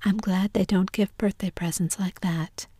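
A woman's voice: mid-range voice, fairly even intonation, moderate pace, dark tone, husky, dry recording, clean studio sound, lightly acted. A woman whispering the part of a polite, curious young girl.

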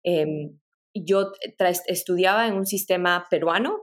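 Her voice is on the low side and unhurried as she thoughtfully narrates her life on a podcast, breaking into small laughs and restarting sentences. The guest is a middle-aged tech product director from Peru with a mixed Latin American Spanish accent.

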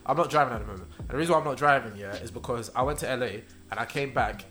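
A man co-hosting a casual podcast, rattling off his stories at a quick clip. His voice sits at an ordinary middle pitch, and soft music plays behind him. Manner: fast, chatty storyteller using slang. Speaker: podcast co-host. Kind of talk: casual chat.

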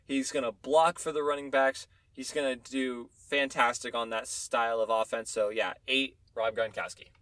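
A man's voice: mid-range voice, little pitch movement, moderate pace, hardly any pauses, fairly bright tone, no room sound. A man hosting a casual fantasy football talk, counting down his top ten picks and backing them with opinions and stats. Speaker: fantasy football podcast host.

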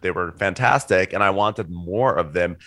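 A man's voice: low-pitched, moderate pace, a bit bright, no room sound. Chatty man with a dry, close voice. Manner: chatty, heavy on "like" and "sort of", acts out quotes. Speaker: podcast co-host. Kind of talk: casual chat.

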